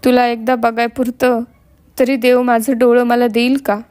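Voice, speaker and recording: A woman's voice: on the high side, little pitch movement, normal speed, a little mellow, smooth, lightly acted. A woman voicing a blind, ailing village woman who speaks in a sad, pleading rustic way. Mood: sorrowful.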